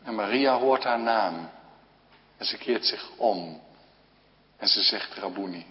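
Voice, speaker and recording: A man preaching in a slow, earnest voice, leaving long pauses between short phrases. His voice carries a long echo through a church, and the recording sounds dull and lo-fi. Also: lowish voice. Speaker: pastor. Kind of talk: sermon.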